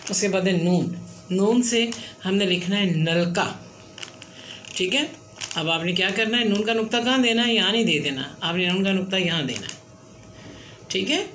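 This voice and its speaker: A woman's voice: mid-range voice, normal speed, long pauses, a bit bright, a little hiss or hum. A woman explaining a children's writing lesson step by step, counting letters aloud and checking in often. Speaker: teacher.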